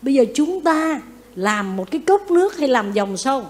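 A woman's voice: sits high, moderate pace. A woman, a Buddhist nun, giving a sermon who keeps asking the audience questions and repeating phrases for emphasis. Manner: lively, asks the audience questions and answers them.

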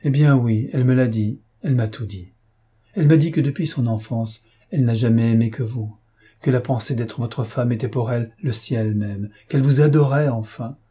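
A man's voice: mid-range voice, dark tone, breathy edge. A man reading as an imploring young woman. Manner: urgent, imploring. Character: earnest, pleading young woman.

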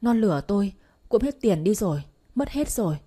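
A woman voicing an older mother who has been swindled, crying out in a shrill lament. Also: expressive, fast talker, warm tone, breathy edge. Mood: wailing.

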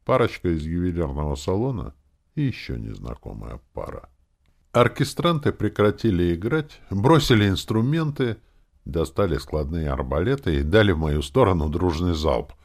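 Мужчина читает фэнтези-аудиокнигу от первого лица, драматично, то мрачно, то насмешливо. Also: male voice, deep voice, very animated, normal speed, gravelly. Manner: dramatic, swinging between grim and mocking. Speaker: audiobook narrator. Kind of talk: first-person audiobook narration.

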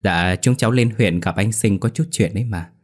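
A man playing an easygoing young man in a spoken ghost story, with a low voice. He talks in a casual, reassuring way. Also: normal speed, close to an everyday voice. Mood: polite.

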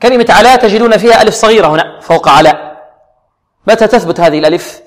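Speaking in a large hall with a high-pitched voice, this male Quran recitation teacher quizzes his class, supplies the answers on his own, and repeats words at a slow pace for practice.

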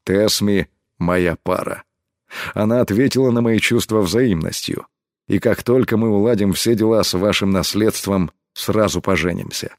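A man's voice: moderate pace, no room sound, studio quality, close to an everyday voice. A man doing a stern, protective starship captain. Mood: firm. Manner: low and hushed, growling when angry.

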